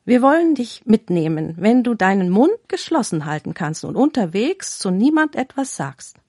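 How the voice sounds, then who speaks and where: A woman reading the lines of two young swans in a fairy tale, gentle and inviting. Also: medium pitch, big pitch swings, normal speed, husky, no echo, studio quality. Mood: cautioning.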